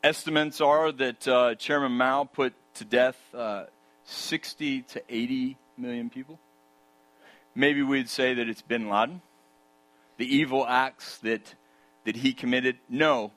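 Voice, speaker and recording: A man preaching a sermon, emphatic and full of rhetorical questions, dropping to a hush for key points. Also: medium pitch, steady tone, measured pace, soft background music.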